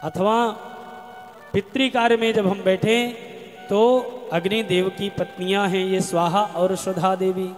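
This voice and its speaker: A man with a high, measured voice delivers a devotional scripture discourse, chanting verses in a melodic style between slow spoken passages. His voice rings with long reverb through a large hall, with soft music underneath. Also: fairly even intonation. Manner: chants Sanskrit verses in a sung style, then explains in speech. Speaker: katha preacher.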